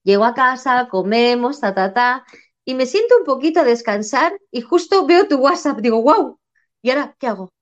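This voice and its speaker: A woman's voice: sits high, lively intonation, moderate pace. Earnest woman from Spain, lo-fi. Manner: earnest, reflective, repeats phrases for emphasis. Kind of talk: spiritual conversation. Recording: dull lo-fi sound.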